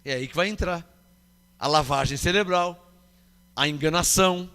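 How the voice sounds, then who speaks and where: A man's voice: fairly high pitch, moderate pace, pushed and bright, big-room sound. A man with a Brazilian Portuguese accent preaching a sermon, emphatic, questioning the congregation and acting out quoted voices. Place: church hall.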